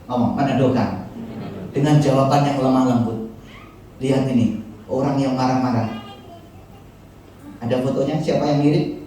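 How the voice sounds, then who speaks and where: A man preaching a sermon to his church, with animated delivery that leaps up in pitch when he quotes people. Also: a little hiss or hum. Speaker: pastor. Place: large church hall. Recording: very echoey hall from far off.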